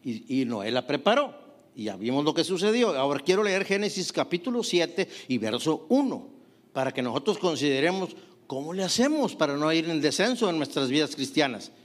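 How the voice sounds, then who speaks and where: Middle-aged man, pastor, somewhat high voice, sermon full of questions and amens. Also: sing-song, fairly quick. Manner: preaching with rhetorical questions and frequent "hermanos" and "amén".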